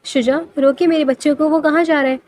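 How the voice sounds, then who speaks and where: A woman's voice: high-pitched, steady tone, a little mellow, close to an everyday voice. A woman voicing an anxious, pleading mother who fears for her son, in a storybook reading. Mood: pleading worried. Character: tearful worried middle-aged mother.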